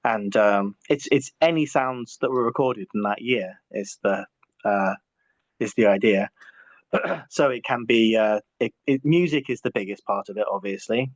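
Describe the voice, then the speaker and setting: A man's voice: lowish voice, measured pace, dry recording. A middle-aged man from England, talking as an interview guest in a hesitant way, often restarting and repeating words. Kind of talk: casual conversational interview. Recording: muffled, dry lo-fi audio.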